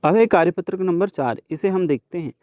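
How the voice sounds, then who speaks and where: शांत, धीमे उच्चारण वाला पुरुष शिक्षक. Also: male voice, high-pitched, dark tone, no room sound. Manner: slow, deliberate sounding out of letters; addresses students directly. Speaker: teacher. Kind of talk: worksheet solution lesson.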